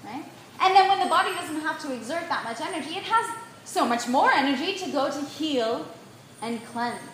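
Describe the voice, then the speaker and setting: A woman giving a live lecture on nutrition to an audience, emphatic and animated, constantly checking in with her listeners. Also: high voice, moderate pace, slight background noise. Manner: keeps checking in with "right?". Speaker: nutrition speaker. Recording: very echoey room.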